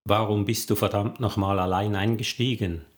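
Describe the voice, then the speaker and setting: A man voicing a blunt, dry-humored male police detective with a gruff manner in an audiobook. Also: fairly low pitch, steady tone, moderate pace, natural voice.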